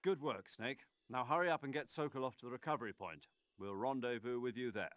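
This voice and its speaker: An actor playing a brisk, authoritative military major giving mission orders in a video game. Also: male voice, medium pitch, a bit bright, dry recording, natural voice. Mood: brisk, businesslike. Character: commanding male military major directing a mission. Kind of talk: video game radio briefing acting.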